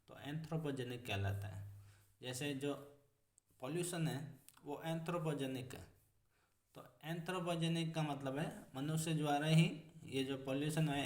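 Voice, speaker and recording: A male teacher giving a vocabulary lesson, explaining each word slowly and repeating meanings, calling his students friends. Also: on the high side, far from the mic. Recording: echoey room, voice off-mic.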